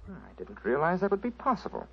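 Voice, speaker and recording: An actor playing a genial, blasé English aristocrat in exile with an English accent and suave, chatty delivery in an old radio drama. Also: male voice, fairly high pitch, huge pitch swings, fast, creaky, breathy edge, exaggerated voice. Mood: casual, musing. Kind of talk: 1940s radio drama acting. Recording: dull old radio recording.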